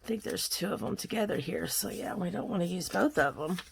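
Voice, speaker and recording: A craft vlogger from Kentucky talks through a project at her home work table, chatting casually and rambling folksily in a Southern accent. Her voice is fairly low, gravelly, and brisk, with a little hiss or hum on the recording.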